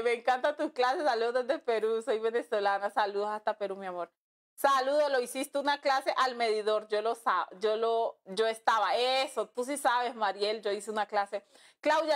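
This woman's voice is fairly high and a bit bright. She's a nail art instructor running a class on a live stream, reading out viewer comments in a chatty way and addressing people as "mi amor" or "amiga."

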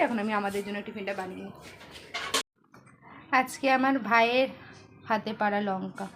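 A young woman, talking fast and chatty in a casual home vlog, teasing her family along the way. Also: mid-range voice, slight background noise. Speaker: vlogger. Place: family home kitchen and garden.

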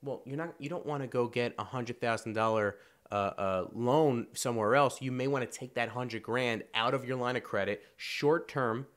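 A man talks through home finance in a relaxed, conversational way, his voice a bit nasal and stuffy from a cold. He repeats points, trips over words and restarts sentences as he goes. His pitch sits at an ordinary middle level for a man. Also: normal speed. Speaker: finance video host. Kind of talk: casual explainer to camera.

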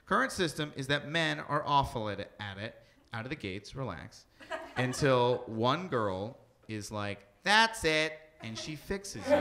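A young man doing a stand-up comedy set in a barbershop, animated and acting out quoted voices. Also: medium pitch, very noisy. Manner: animated, acts out quoted voices, laughs mid-line. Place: barbershop before a live audience.

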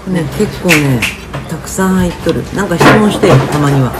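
Heavy background noise surrounds a lowish female voice speaking at a moderate pace. On a casual walk, the travel vlogger chats and teases her companion with spirited dialect banter.

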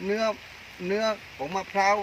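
This man, who owns a fertilizer brand, speaks at a moderate pace while questioning a farmer outdoors among coconut trees as rain falls. He's filming a promo and echoes the farmer's replies with eagerness. The recording has its highs cut off, plus background noise.

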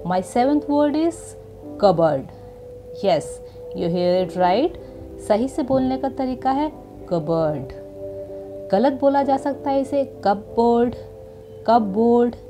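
A woman with an Indian accent hosting her channel and teaching English pronunciation, pronouncing each word clearly and carefully. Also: sits high, slow. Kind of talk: slow, deliberate pronunciation lesson. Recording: music playing behind.

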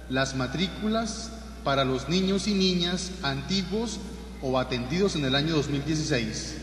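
Man, Colombian accent, priest, unhurried formal liturgical reading, cathedral echo, big reverberant church. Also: on the high side, fairly bright tone, a little hiss or hum. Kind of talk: liturgical prayer and parish announcements read from the lectern. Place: large church, indoors. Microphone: lectern microphone.

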